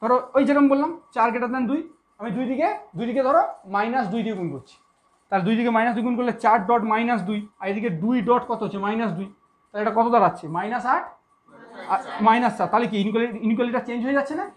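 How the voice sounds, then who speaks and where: Woman, math teacher, fast speech, somewhat high voice, repeats herself, checks understanding. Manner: repetitive, keeps checking understanding. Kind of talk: classroom math lesson.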